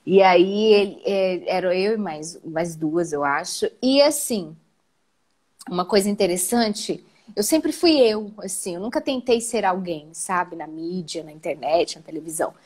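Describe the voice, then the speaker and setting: Speaking unhurriedly, a woman with a Brazilian Portuguese accent shares an emotional personal story as a live interview guest. She's animated, keeps adding "né?", and jumps abruptly higher in pitch.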